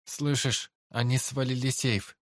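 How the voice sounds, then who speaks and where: A man's voice: mid-range voice, steady tone, unhurried, dry recording, clean studio sound, pitched above the performer's own voice, lightly acted. A man voicing a small, anxious male android whose raised, pleading voice comes muffled from behind, inside a vent shaft, in an audiobook. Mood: urgent. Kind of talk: audiobook narration with voiced characters.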